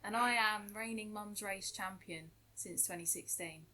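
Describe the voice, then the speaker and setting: Blunt, sweary woman with a Kent accent; podcast co-host, casual chat, mid-pitched. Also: normal speed, pushed and bright. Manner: blunt, sweary, self-assured.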